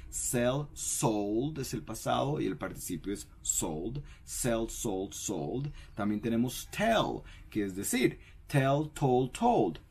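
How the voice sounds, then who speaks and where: A man teaches an English lesson at an unhurried, deliberate pace. His voice is somewhat low and husky. He repeats each word and keeps checking in with his students. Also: darkish tone. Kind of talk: bilingual language lesson.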